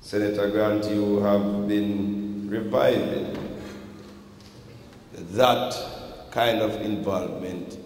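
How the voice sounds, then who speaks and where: A man gives a formal speech at a very slow, deliberate pace, with varied emphasis. The sound rings with a long echo, as in a large hall. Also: fairly low pitch, little pitch movement, a little mellow, a little hiss or hum. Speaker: speaker at an agricultural ceremony. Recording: echoey hall with long reverb.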